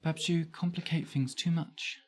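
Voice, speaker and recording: A woman's voice: low voice, fairly even intonation, normal speed, pitched above the performer's own voice, natural voice. A woman voicing a bold, flirtatious madame with a put-on French accent, coaxing and teasing. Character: flirtatious worldly female brothel madame.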